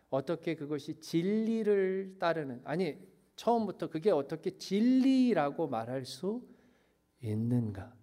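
A high-pitched middle-aged pastor gives a forceful sermon, his delivery swinging from loud to hushed as he works in English phrases here and there.

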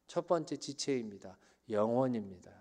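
A middle-aged male pastor delivering a sermon, his voice at an ordinary middle pitch. He builds to loud, emphatic peaks, then sinks to soft, quiet endings. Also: lively intonation, normal speed. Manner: preaching with rising emphatic bursts and soft drops.

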